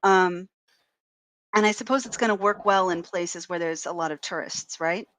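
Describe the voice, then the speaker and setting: A woman's voice: on the low side, normal speed, fairly bright tone, no echo. Chatty woman artist co-hosting a stream. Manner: chatty storyteller who acts out quoted lines. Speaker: artist co-host on a live drawing stream. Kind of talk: casual chat.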